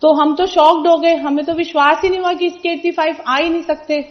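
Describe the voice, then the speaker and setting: A high-pitched woman, telling her family's story at a religious gathering. She speaks earnestly and gives the people she quotes voices of their own. The recording sounds dull and lo-fi. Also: fairly even intonation, brisk. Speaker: devotee giving a testimony. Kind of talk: personal testimony at a religious gathering.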